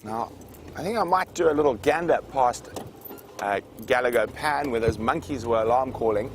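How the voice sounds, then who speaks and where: A man's voice: mid-range voice, moderate pace. A man guiding a live savanna safari from an open vehicle, explaining wildlife to viewers in an unscripted, conversational way. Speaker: safari guide hosting a live game drive. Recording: noisy outdoor vehicle ambience.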